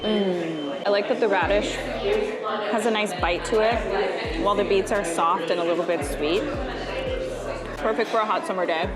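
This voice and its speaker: A woman's voice: mid-range voice, moderate pace, long pauses, over a noisy crowd. A woman vlogger chatting casually, describing food and drink as she tastes them. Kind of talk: casual vlog narration. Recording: talking over loud background music.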